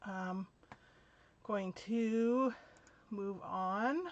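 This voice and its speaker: A middle-aged woman hosting a live craft product demo, chatty and a little out of breath, laughing between pauses. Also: mid-range voice. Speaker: craft demonstrator. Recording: dull lo-fi live stream audio.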